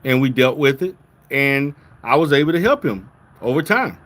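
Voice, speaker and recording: A man's voice: medium pitch, lively intonation, moderate pace, fairly bright tone. A middle-aged man from Louisiana, a therapist talking casually to viewers, stressing his points with "okay?" and often restarting his sentences. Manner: repetitive restarts, emphatic "okay?" check-ins.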